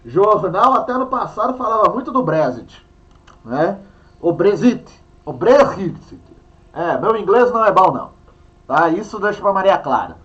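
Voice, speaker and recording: A man's voice: high-pitched, big pitch swings, normal speed, sharp tone, lo-fi sound. A Brazilian man teaching an online history class, chatty and playful, with a Minas Gerais accent.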